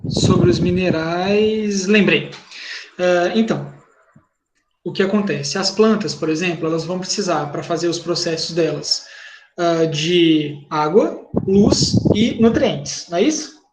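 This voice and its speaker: A man's voice: sits high, measured pace. A man with a Brazilian Portuguese accent teaching an online class, speaking informally and checking in with his students. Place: home, video call. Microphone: computer mic on video call. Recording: echoey room, noisy call audio.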